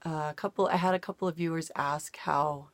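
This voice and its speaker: Chatting to camera at home about her hobby, an older American cross-stitch vlogger rambles and laughs easily, though her voice is partly worn out from days of talking. She speaks in a low, steady tone, a little fast. No room sound is audible.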